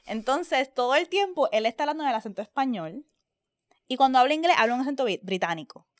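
Woman, Puerto Rican accent, lively storyteller, mixes in English, high voice, dry sound. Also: quick pace, no room sound. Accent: Puerto Rican Spanish. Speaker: podcast co-host. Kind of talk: casual chat.

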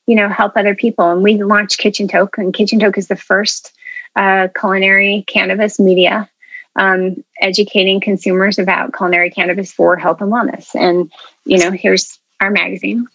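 A woman's voice: mid-range voice, little pitch movement, moderate pace, fairly bright tone, slightly rough, no room sound, dull audio. A woman telling her story as an interview guest, earnest and chatty, with plenty of ums and you-knows. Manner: earnest, chatty, many fillers. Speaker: interview guest, food media founder.

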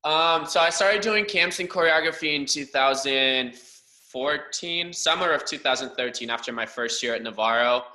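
A young Romanian man, Romanian being his first language, recounts his past as a guest and cheer assistant coach in a relaxed livestream interview. His voice sits on the high side, strikingly bright and forward, at a moderate pace, and his answers run long and earnest. The recording quality is low.

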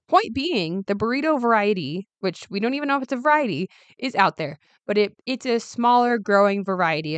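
A woman hosting a casual solo podcast, chatty and self-correcting, with a raspy, slightly gravelly voice, hoarse from a lingering cold. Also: medium pitch, a bit bright, no echo. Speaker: podcast host.

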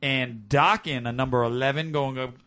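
A man's voice: medium pitch, fairly even intonation, moderate pace, sharp tone. A man co-hosting a casual rock podcast, joking around and running down a bracket in a playful announcer voice. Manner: playful announcer voice when reading matchups. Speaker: podcast co-host. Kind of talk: casual chat, bracket rundown.

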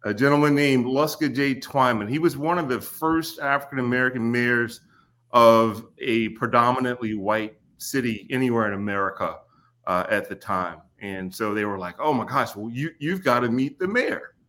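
A man in his forties from Kentucky, a podcast guest telling stories in an unhurried way with frequent ums and restarts. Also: mid-range voice, a bit bright. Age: 40s. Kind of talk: casual podcast interview.

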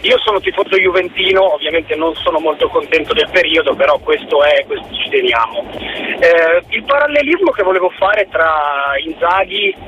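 A man calling in to a sports radio show over a phone line, thinking aloud and pausing with fillers as he frames his question. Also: a little high. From northern Italy. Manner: thoughtful, searching for words with fillers. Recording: muffled phone line with faint noise.

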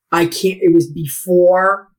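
A middle-aged or older woman with a hoarse, froggy, croaking voice, talking conversationally as a podcast guest. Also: fairly low pitch. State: hoarse, needing lozenges. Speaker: podcast guest, former lawyer. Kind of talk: conversational interview.

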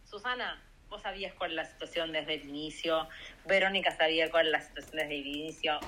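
A woman's voice: deep voice, fairly quick, bright, forceful tone, slight background noise, rough recording. A woman with an Argentine accent in a heated online voice-chat argument, scolding and insulting the others. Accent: Argentine Spanish.

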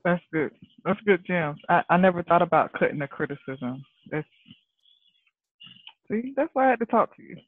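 An interviewer chatting casually and encouraging a guest with quick affirmations. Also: mid-range voice, big pitch swings, no echo. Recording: tinny dry phone-like line.

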